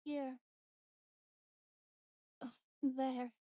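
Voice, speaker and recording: A woman's voice: sits high, flat delivery, extremely slow, warm tone, dry recording. A woman livestreamer chatting casually, rambling and trailing off as she goes. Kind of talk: casual livestream chat and reactions.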